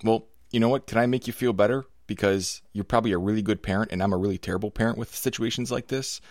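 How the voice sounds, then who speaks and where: Gravelly, low-voiced man hosting a podcast. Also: quick pace, a little mellow, dry recording, studio quality. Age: middle-aged. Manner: enthusiastic, rambling storyteller. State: slightly hoarse from a cold. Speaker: podcast host. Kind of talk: casual conversational podcast.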